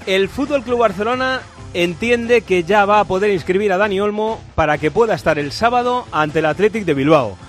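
A high-voiced man with a Spanish accent from Spain hosts a night sports radio show, reading the day's football news with brisk, wry delivery. He speaks into a studio microphone, and the sound is dry.

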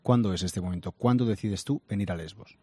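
Low-voiced Catalan man, dry sound. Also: fairly quick, a little mellow, slightly rough, no echo. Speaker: interviewer. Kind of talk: conversational radio interview.

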